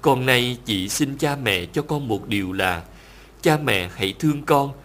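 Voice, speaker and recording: A man voicing a devoted, self-sacrificing young prince in a storybook reading, measured and reverent. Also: medium pitch, fairly bright tone.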